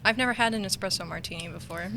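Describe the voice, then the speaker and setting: A woman's voice: mid-range voice, fast, sharp tone, a little hiss or hum. A woman in her early twenties, a podcast guest chatting in an easygoing, agreeable way. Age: 20s. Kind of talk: casual chat.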